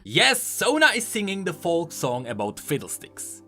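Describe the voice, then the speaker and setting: A man narrates a scripted video game lore explainer, dramatic and emphatic, with background music beneath him. His pitch is fairly high and swoops wildly, and he keeps a normal speed.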